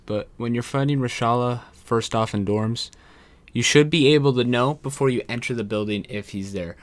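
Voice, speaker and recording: Young male gaming host, low voice, chatty tutorial delivery. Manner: chatty, calls viewers "boys". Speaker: gaming YouTuber. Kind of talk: casual gameplay tutorial.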